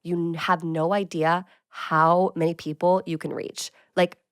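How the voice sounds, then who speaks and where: A woman in her twenties hosting a casual advice podcast, chatty and bubbly, with quick bursts of excitement. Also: lowish voice, smooth, no echo, clean studio sound. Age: 20s. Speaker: podcast host.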